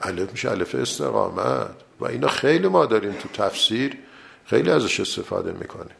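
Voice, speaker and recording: Man, gravelly voice, religious teacher, commentary lecture, patient explaining, phrases trail off quietly. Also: medium pitch.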